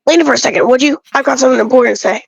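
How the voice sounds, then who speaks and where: A woman with a distinctly high voice reads scripted character dialogue as an amateur dramatic reading, like a monologue aimed at one listener. Her delivery is rapid-fire, creaky and husky.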